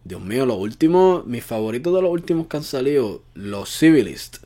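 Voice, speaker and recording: A man's voice: mid-range voice, big pitch swings, fairly quick, mellow. A man co-hosting a podcast in casual, teasing banter, slipping English words into his talk. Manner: teasing, mixes English into Spanish. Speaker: podcast co-host.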